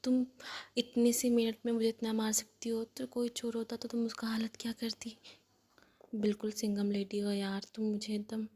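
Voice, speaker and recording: A jokey, flustered young man complains in a breathy, level voice, voiced by a woman storyteller. The reading stays soft and flat. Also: a little high, moderate pace, natural voice. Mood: exasperated.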